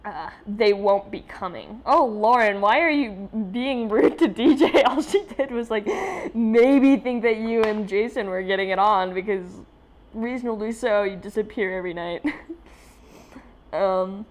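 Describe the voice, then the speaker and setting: A woman's voice: mid-range voice, unhurried. Rambling woman vlogger, full of fillers. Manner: rambling, filler-heavy, laughs often. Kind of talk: casual commentary.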